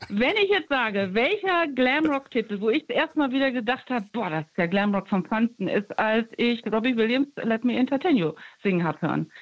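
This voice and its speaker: A woman in her fifties from Stuttgart calls in to a radio show. She talks in a hesitant, rambling way with many fillers, in a fairly high voice. The phone line sounds dull and dry. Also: lively intonation, a little fast, few pauses, dry recording. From Stuttgart, Germany. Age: 50s. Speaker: caller.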